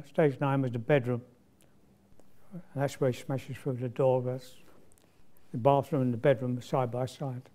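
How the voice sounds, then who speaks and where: Man, mellow and mid-range, casual recollection in an interview. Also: medium pitch. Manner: conversational, with small restarts. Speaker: film crew member recalling a shoot.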